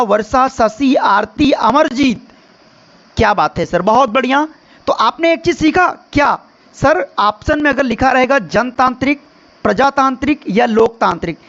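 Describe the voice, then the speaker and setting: High-voiced, gravelly male coaching teacher. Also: a bit bright, muffled recording. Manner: addresses viewers as friends, quizzes them with rhetorical questions. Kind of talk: online exam-prep lesson.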